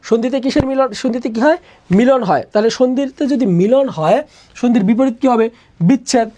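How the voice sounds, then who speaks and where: With a mellow, mid-range voice, a teacher leads a live online grammar session. The drill pattern repeats many times: a question is asked and repeated, then answered.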